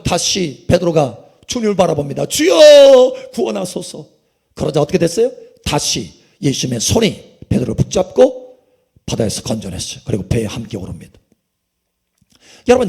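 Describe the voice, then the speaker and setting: A man's voice: vocal fry, darkish tone, slightly rough. A man preaching a sermon as pastor, with emphatic swells in his delivery. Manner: emphatic preaching, sweeping pitch swings.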